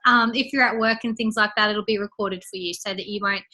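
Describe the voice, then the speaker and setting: Congested, bright-voiced woman. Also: mid-range voice, steady tone, fairly quick. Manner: chatty, upbeat, lots of fillers. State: congested and a little out of breath. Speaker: team leader hosting a training call. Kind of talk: casual training call.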